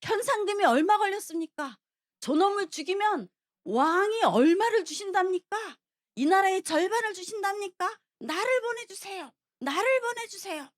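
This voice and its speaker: A woman preacher voicing a bold teenage shepherd boy who loudly and insistently begs to be sent out, in a high, lively voice. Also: moderate pace. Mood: eager. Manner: loud, insistent pleading.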